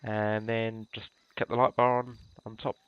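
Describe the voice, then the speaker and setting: Congested from a cold, a man from the UK gives a laid-back gameplay tour of police cars, his talk wandering and dotted with ums and false starts. His pitch sits fairly low with a flat delivery, a measured pace and a clean tone, though the sound is lo-fi.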